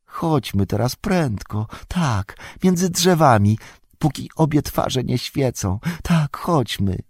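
A man reading an audiobook, voicing a wretched, sly male creature in a high, hissing whisper, drawn out and muttering to himself. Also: darkish tone, dry recording, clean studio sound. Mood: fawning. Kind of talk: audiobook character voice.

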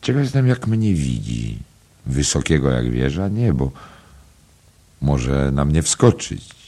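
A man's voice: very deep voice, sing-song, slow pace, mellow, breathy edge, heavily acted. A man reading aloud and voicing a middle-aged man who muses and teases over his cat, in a storybook reading. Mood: musing. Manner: teasing, wondering.

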